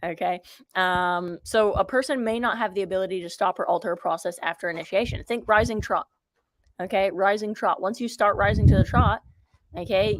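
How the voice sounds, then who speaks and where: A woman in her thirties, a riding coach teaching on a live stream from an outdoor ranch. She talks energetically into a close phone camera and keeps checking in with viewers. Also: medium pitch. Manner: energetic, repeats "okay?" and urges viewers to comment. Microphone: phone camera held close.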